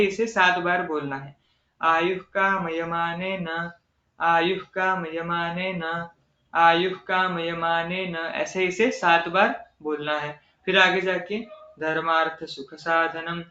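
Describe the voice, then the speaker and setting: A man teaching as an Ayurveda instructor in a recorded online lecture, explaining carefully and slowly chanting verse examples. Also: sits high, bright, forceful tone, roomy sound, highs cut off.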